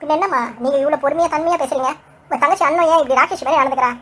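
A woman's voice: high-pitched, rapid-fire, fairly bright tone. A woman voicing a sarcastic, bossy older woman in a cartoon. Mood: accusing. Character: sharp-tongued older woman, mocking in-law. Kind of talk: cartoon voice acting.

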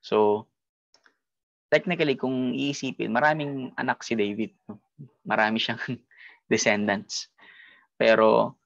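A man with a Filipino accent teaches an online Bible study, his voice grainy with a gravelly rasp. He explains patiently, checking in with short tag questions. The audio is dry and a little muffled, like an online call. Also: mid-range voice, fairly even intonation, slow pace, long pauses, a bit bright, no echo. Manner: explains with frequent tag questions and mixes English into Tagalog.

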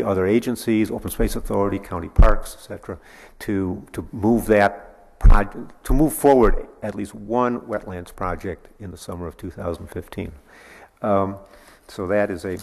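Man, executive officer, gravelly low voice, halting report, echoey chamber. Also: darkish tone. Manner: measured, halting, with frequent fillers. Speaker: executive officer of a public agency. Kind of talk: reporting at a public board meeting. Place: city council chambers.

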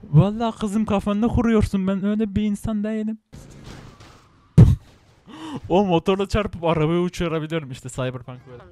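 A young man from İzmir with a Turkish accent, joking and excitable as he comments on his own gameplay and talks to the characters. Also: sits high, brisk. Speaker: gaming channel host.

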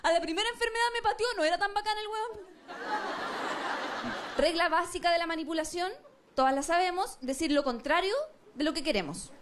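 A Chilean woman with a high, bright voice performs stand-up on a comedy stage, animatedly acting out both partners in her stories. The audience's noise is clearly audible behind her stage mic. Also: a little fast, pauses often. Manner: animated storytelling, acting out both sides of a couple.

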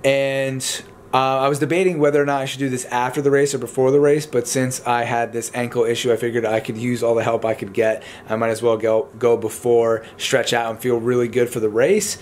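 A young man talks to the camera in an informal, chatty vlog style. His voice has a medium pitch, and he explains things casually from a living room, with noticeable background noise. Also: flat delivery, a little fast, darkish tone. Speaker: vlogger. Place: indoors in a home living room.

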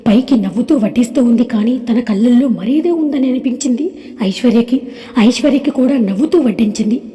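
A woman narrating an audio story in a steady, even way. Her voice is mellow and dark yet sits fairly high, and a long hall reverb surrounds it. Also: brisk.

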